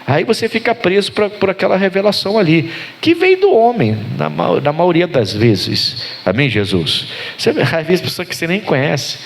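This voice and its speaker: Animated pastor preaching a sermon. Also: male voice, moderate pace, creaky. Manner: animated preacher, rising pitch for emphasis, asks the congregation for amens.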